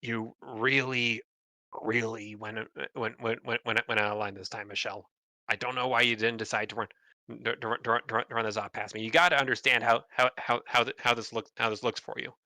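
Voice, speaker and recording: A man's voice: mid-range voice, fairly even intonation, a little fast, pushed and bright, no room sound, studio quality. Man voicing a stern, blunt airship captain. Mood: scolding. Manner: scolding, blunt.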